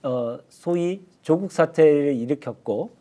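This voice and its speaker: Brief: male spokesman guest, slightly high voice with a warm, mellow tone, deliberate and reflective. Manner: measured, thoughtful, with hesitant fillers. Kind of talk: political panel talk.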